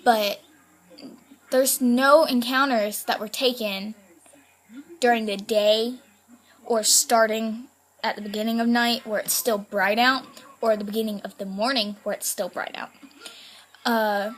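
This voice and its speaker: A woman's voice: fairly high pitch, steady tone, a little slow, pauses often. A woman YouTuber telling a spooky story in a casual, chatty way, full of fillers like "like" and "kinda".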